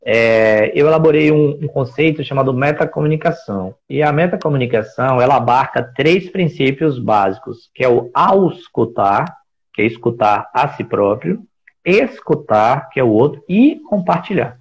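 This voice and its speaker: Speaking on a live stream about workplace listening, a man with a Brazilian Portuguese accent reflects aloud, frequently restarting his phrases as he hunts for words. He develops his explanation through rhetorical questions, in a medium-pitched, expressive voice at a moderate pace.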